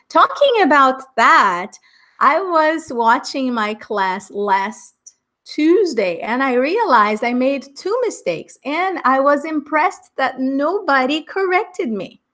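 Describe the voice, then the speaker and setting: A middle-aged Brazilian woman with a high, slightly bright voice teaches a live online English exam class, chatty and upbeat and laughing often. Her first language is Portuguese, and her Brazilian accent has an Americanized English tinge.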